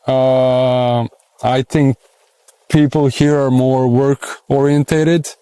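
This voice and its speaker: A man's voice: mid-range voice, level tone, slow pace, dark tone, smooth, dry recording. A man in his thirties from Serbia, speaking English with a Serbian accent, answering interview questions casually and hesitantly with many fillers.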